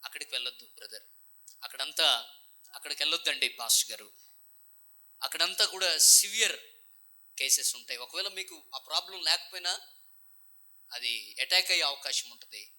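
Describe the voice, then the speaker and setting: A man preaching a testimony at a revival meeting, moving from hushed whispers to loud, impassioned calls. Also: on the high side, expressive, moderate pace, pauses often. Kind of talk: sermon testimony. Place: church revival meeting, over speakers.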